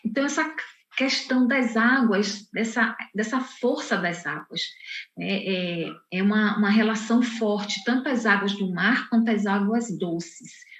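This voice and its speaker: A poet and professor from Salvador, Bahia, Brazil, speaks at an online book launch in a mid-range, fairly bright voice. She talks unhurriedly, often restarting sentences and using fillers. The video call audio sounds muffled and roomy.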